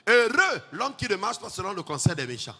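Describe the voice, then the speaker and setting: Male pastor, high lively chanted sermon voice, husky edge, long hall echo with faint music. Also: fairly quick. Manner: chanting, sing-song preaching that swells to shouts. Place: church hall.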